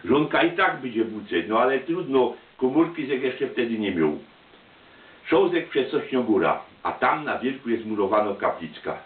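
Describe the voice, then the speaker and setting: A man with a Silesian accent delivers a personal monologue in chatty dialect. His medium-pitched voice comes through thin and boxed in, away from the mic in a reverberant room. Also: expressive, moderate pace. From Silesia, Poland. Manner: chatty, colloquial. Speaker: storyteller, amateur photographer. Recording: tinny, roomy, distant microphone.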